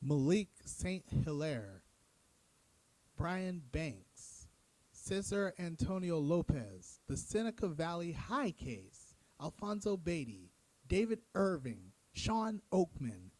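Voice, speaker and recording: A man in the middle of an impassioned commentary rant, hammering his points home with repetition and blunt cursing. His voice sits a touch higher than most men's but sounds dark and mellow. The recording is dry and close, with no room sound. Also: big pitch swings, slow pace, no room sound. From United States. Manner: heated, emphatic, repetitive, profane. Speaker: show host.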